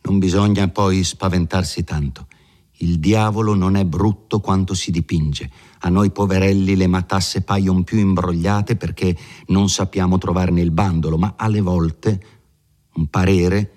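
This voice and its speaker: A man's voice: sits low, a little mellow. A man reading the part of an older village mother, anxious and practical, giving homely, chatty advice full of folk sayings, in an audiobook of a classic novel.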